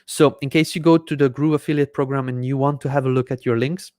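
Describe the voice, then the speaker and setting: A man in his thirties, a native Hungarian speaker, hosts a live Q&A with screen-share, answering viewer questions and clicking through software step by step. His mid-range voice is steady and fast, captured by a desk microphone in front of his face in a small room, with clean studio sound and no room echo.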